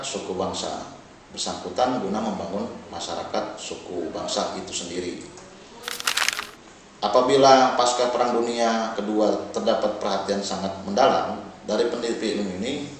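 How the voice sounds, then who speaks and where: Male lecturer, lowish voice, measured explaining, very echoey room, off-mic. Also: far from the mic, a little hiss or hum. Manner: measured explaining with fillers like "ya" and "nah". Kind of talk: recorded online lecture.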